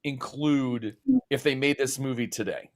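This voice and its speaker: A man's voice: mid-range voice, unhurried. A man in a casual group chat, thoughtful and a little hesitant, restarting his words.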